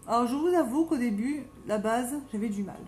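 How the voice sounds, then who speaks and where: A middle-aged woman with a Marseille accent, doing her makeup live at home and chatting casually with viewers by name, self-mocking, with a strong, deep voice. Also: lively intonation, fairly quick, a little mellow, slight background noise. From Marseille, France. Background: dogs playing now and then.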